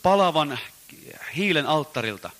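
A man's voice: fairly high pitch, animated, a bit bright. A man interpreting a sermon into Finnish phrase by phrase, now and then restarting a word. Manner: translating phrase by phrase, with occasional restarts.

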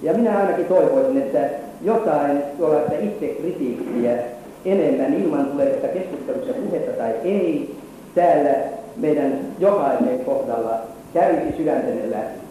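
Male preacher, fervent sermon, dark mellow voice, echoey hall with a faraway mic. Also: on the high side, distant mic, a little hiss or hum. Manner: fervent preaching with rising and falling intensity. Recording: echoey hall recorded from afar.

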